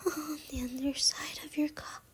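A woman speaking in a soft, breathy, intimate whisper close to the mic for an ASMR roleplay. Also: high-pitched, flat delivery, normal speed. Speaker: ASMR performer.

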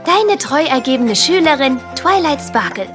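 A woman's voice: high-pitched, sing-song, normal speed. A woman playing an earnest, studious young pony, precise and sincere, in a children's cartoon audio play. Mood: sincere, formal. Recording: music underneath.

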